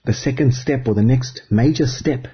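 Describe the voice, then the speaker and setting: A man from Fiji giving an earnest, measured reflective spiritual talk as a guest speaker, phrase by phrase. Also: medium pitch, breathy edge, dull audio.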